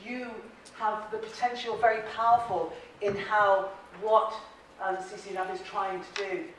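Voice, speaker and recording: In a large, echoey training room, an Irish woman coaches a live group on presentation skills, cheerful and encouraging, often laughing and asking questions. Her medium-pitched, slightly bright voice moves at a moderate pace with little pitch variation. The audio, captured from afar, is very echoey with a little hiss or hum.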